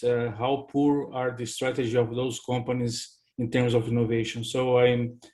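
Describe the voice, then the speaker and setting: A man's voice: medium pitch, a little mellow. A middle-aged man introducing himself on a video call, earnest with frequent fillers. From Brazil. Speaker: chemist and consultant, course participant.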